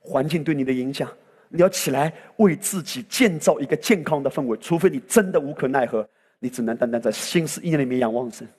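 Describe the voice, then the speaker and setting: Husky-voiced preacher in a reverberant hall. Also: male voice, medium pitch, a little fast, a little mellow. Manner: impassioned preaching that swells to exclamations. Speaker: pastor. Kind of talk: sermon.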